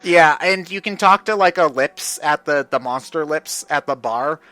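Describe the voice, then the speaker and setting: Bright-voiced young man chatting casually. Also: on the high side, normal speed, no room sound, soft background music. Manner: enthusiastic, rambling, with many fillers. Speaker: host. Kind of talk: casual game discussion.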